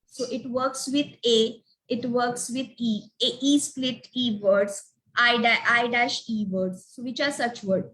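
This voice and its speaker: A woman leads a phonics webinar in a high, light voice. She moves slowly and deliberately, naming each letter before sounding out the word. Her tone stays patient, and she checks in with a steady "okay" between points. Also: slight background noise. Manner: spells out letters one by one, sounding out words. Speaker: phonics teacher leading a webinar. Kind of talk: slow instructional webinar talk.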